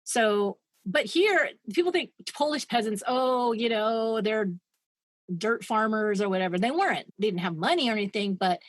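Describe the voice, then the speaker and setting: A podcast co-host retells a true-crime story chattily and digressively, laughing at her own asides. Her voice is a little high with lively intonation, at normal speed, with no echo.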